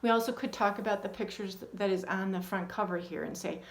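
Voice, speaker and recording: With a medium-pitched voice and a fast delivery, a woman who trains teachers gives a relaxed, instructional talk on reading aloud to children. She restarts and says um a lot, and switches to a hushed, animated voice to act out questions she'd ask children.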